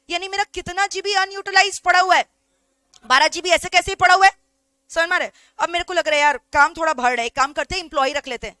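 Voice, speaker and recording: A woman's voice: extremely high pitch, pushed and bright, no echo. An Indian woman teacher giving an online lecture in a chatty way, often checking whether her students follow.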